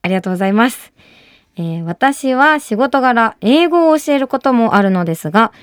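A woman's voice: a little high, lively intonation, normal speed, clear, resonant tone, no room sound, studio quality. A woman hosting a radio language program, chatting casually with many fillers and eager reactions. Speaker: radio show host.

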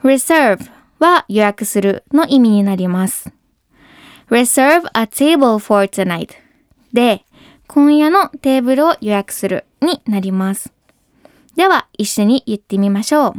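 A woman teaching English pronunciation, speaking clearly and patiently and modeling words slowly. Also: on the high side, expressive, dry recording, studio quality. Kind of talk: pronunciation lesson.

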